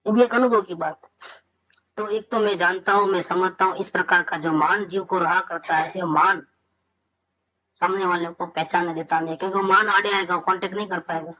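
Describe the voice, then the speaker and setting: Speaking fairly quickly in a high-pitched voice with fairly even intonation, a man offers informal discourse on scripture. He is conversational, raising rhetorical questions only to answer them himself. The recording has a muffled, lo-fi quality.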